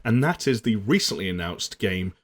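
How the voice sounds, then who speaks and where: Man, fairly low voice, fluent co-host, casual chat, easy segues. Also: big pitch swings, moderate pace. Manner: fluent, steers the talk with segues. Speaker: podcast co-host.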